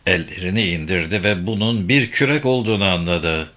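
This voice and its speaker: Bright-voiced man reading a thriller. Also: low-pitched, fairly quick. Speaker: narrator. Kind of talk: audiobook narration of a thriller.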